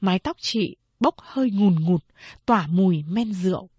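Husky-voiced woman reading a novel. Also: mid-range voice, no room sound, muffled recording. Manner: steady, measured storytelling. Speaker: narrator. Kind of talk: audiobook narration of a novel.

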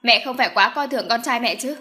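An indignant young man arguing hard against his mother, as a woman narrator reads him. The voice stays fairly high and agitated throughout this audiobook scene. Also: fast, sharp tone. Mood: protesting. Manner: protesting, agitated. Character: indignant young adult son. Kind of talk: audiobook character voice.

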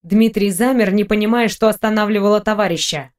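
A woman narrating an audiobook in an even, measured way. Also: mid-range voice. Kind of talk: scripted narration.

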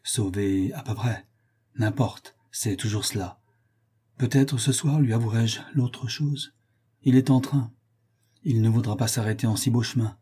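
A man's voice: medium pitch, fairly even intonation, measured pace, warm tone, slightly rough. Man reading as a scheming young viscount.

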